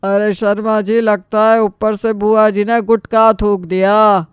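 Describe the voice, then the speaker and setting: A woman's voice: medium pitch, little pitch movement, slow, smooth, dry recording, lightly acted. A woman voicing a flustered young man who keeps making placating excuses.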